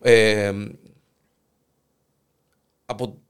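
A man's voice: on the low side, little pitch movement, crowd noise. A man with a Cypriot Greek accent hosting an interview, prompting his guest with many fillers. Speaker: host, interviewer. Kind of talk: casual interview.

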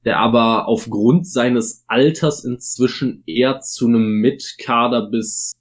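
Here a medium-pitched, unhurried man with a German accent co-hosts a laid-back wrestling podcast. Opinionated, he mulls over each point and drops in plenty of fillers.

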